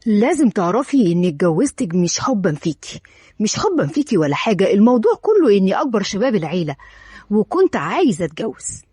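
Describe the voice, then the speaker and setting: A woman's voice: medium pitch, big pitch swings, fast, darkish tone, breathy edge, no echo, clean studio sound. A woman with an Egyptian accent voicing a cold, domineering young man in a storybook reading, curt and detached.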